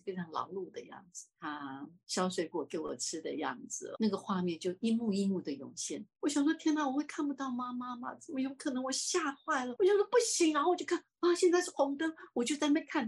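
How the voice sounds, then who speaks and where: A woman giving a personal faith testimony as an interview guest, swinging from excited high exclamations to hushed speech. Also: breathy edge.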